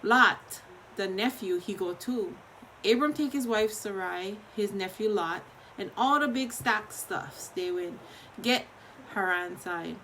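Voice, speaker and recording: Woman, bright voice, hawaiian pidgin, reading bible stories out loud, bit of background noise. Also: mid-range voice, takes it slowly, low-quality recording. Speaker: host of a daily online Bible reading.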